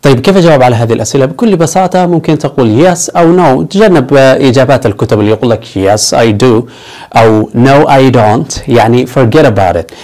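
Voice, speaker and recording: Brief: male language teacher, upbeat step-by-step explainer, mid pitch. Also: animated, brisk, darkish tone. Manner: explains step by step, switching between Arabic and English; upbeat, repeats a catchphrase. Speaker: English teacher. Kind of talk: online language lesson.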